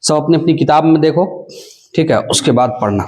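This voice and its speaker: Syllable by syllable, a man from South Asia spells out Quranic words for his reading class, stretching each into a drawn-out, nasal chant. His voice is warm and a little high.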